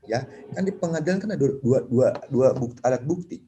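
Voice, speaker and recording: A man speaking at a property seminar, animated, acting out clients in quick voices. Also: medium pitch, highs cut off, a little hiss or hum. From Indonesia. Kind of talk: lively seminar talk.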